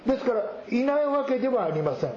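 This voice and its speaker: A male pastor preaching a sermon, reading scripture verses and explaining them at a measured pace. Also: very high voice, big pitch swings, slight background noise. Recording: roomy echo, dull sound.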